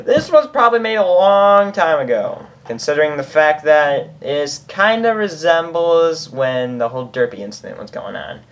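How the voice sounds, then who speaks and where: Reading fan fiction aloud, this amateur host is informal and emotive, tossing in casual reactions. The mid-range voice is sing-song at a moderate pace and barely pauses.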